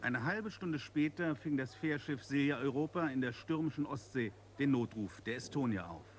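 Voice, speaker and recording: A man's voice: medium pitch, expressive, moderate pace. A man reading scripted television documentary narration in short, clipped phrases. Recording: faint background noise.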